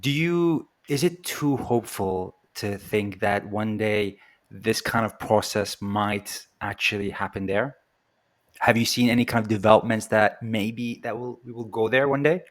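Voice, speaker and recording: A man from Iraq hosts an interview with a lowish voice. He asks his questions haltingly, restarting and filling the gaps as he goes. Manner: hesitant, halting questions with fillers. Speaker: podcast host. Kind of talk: conversational interview.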